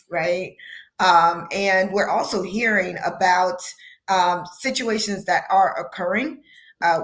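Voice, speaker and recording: A woman's voice: medium pitch, fairly bright tone. A woman co-hosting a casual online panel discussion, talking conversationally and often ending points with "right?". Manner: conversational, frequent "right?" tags and laughs. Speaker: panel co-host.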